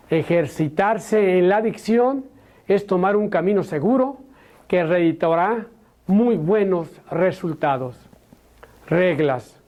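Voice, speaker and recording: A man teaching public speaking, giving deliberate, instructive tips and demonstrating exaggerated accentuation. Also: high voice, mellow. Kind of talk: spoken lesson on public speaking.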